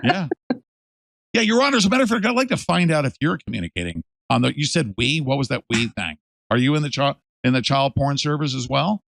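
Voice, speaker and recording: A male host in a casual interview, emphatic and animated, swinging from loud to hushed. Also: medium pitch, fairly quick, gravelly, no room sound.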